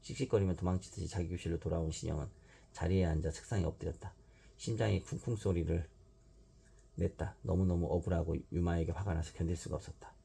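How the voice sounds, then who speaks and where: A father reading a children's storybook aloud at bedtime, in a steady narrating voice. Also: low-pitched, fast talker, gravelly, slightly rough.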